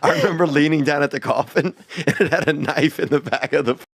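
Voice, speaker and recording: A man's voice: on the high side, quick pace, gravelly, no room sound, clean studio sound. A man telling stories in casual, humorous chat with a rambling, slangy manner.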